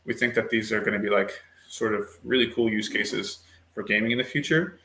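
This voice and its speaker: A man's voice: on the low side, fairly even intonation, fairly quick, sharp tone. A man speaking as a panel guest, explaining things patiently with frequent ums. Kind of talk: online panel discussion. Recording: echoey room.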